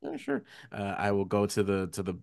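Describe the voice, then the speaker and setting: A man's voice: fairly low pitch, wildly swooping pitch, vocal fry, darkish tone. A man playing a tabletop game in casual improvised chat, repeating himself and searching for words. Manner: halting, repetitive phrasing.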